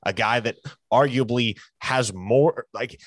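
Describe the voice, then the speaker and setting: A man's voice: takes it slowly, no room sound. Emphatic man making a sports-talk case. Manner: emphatic, speaks as if pitching to a recruit. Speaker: college football show host.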